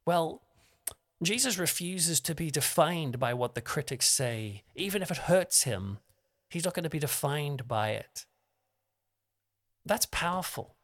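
Young preacher guy, chatty, pitch bouncing all over, self-deprecating. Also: unhurried. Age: young adult. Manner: conversational, animated, self-deprecating. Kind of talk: devotional talk.

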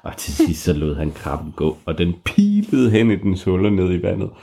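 A man telling an improvised bedtime story to a child, animated and playful with sound effects. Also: deep voice, creaky.

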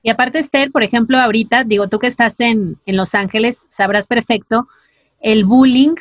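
A woman's voice: a little high, normal speed, no echo, muffled recording. A woman hosting a casual chat, talking loosely with lots of filler tags. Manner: chatty, peppers speech with filler tags.

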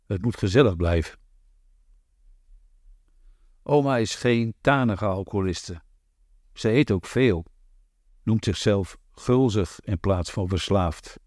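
Low-voiced guy reading a novel, slow and careful. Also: darkish tone, no echo, clean studio sound. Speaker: audiobook narrator. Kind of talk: literary audiobook reading.

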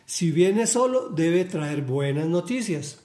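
A man voicing a grieving old king who mourns his son, reading slowly with a raised, lamenting tone. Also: expressive, mellow, echoey room. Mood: calm. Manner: slow, lamenting, pitched up.

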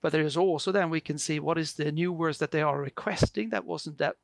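A Swedish man with a Swedish accent and a fairly high, gravelly voice speaks briskly as a guest explaining his work. He's hesitant, full of fillers and restarts, and the recording is dry and studio quality.

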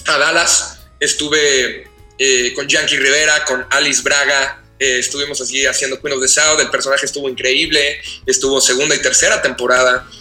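A man with a Mexican accent, an actor talking as a guest in a casual interview, animated and full of slang. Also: medium pitch, moderate pace, hardly any pauses, faint music behind. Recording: roomy echo.

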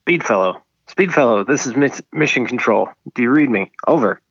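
A man's voice: medium pitch, animated, moderate pace, fairly bright tone, slightly rough, dry recording, highs cut off. A man playing a flustered mission controller over the radio. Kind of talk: comedy skit acting.

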